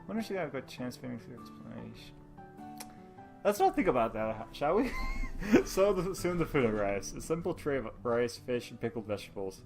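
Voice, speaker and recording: A man's voice: medium pitch, big pitch swings, fairly quick, vocal fry, over music. Joking man reading a game aloud. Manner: laughs often, jokes, stumbles over words while reading. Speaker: let's play host. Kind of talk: reading a visual novel aloud with commentary.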